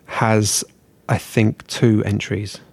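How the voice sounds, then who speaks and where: Rambly bloke, gravelly voice, dry room, swears a lot. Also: male voice, fairly low pitch, level tone, slow pace, a little mellow, no echo. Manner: rambling, self-deprecating, sweary. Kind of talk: casual chat.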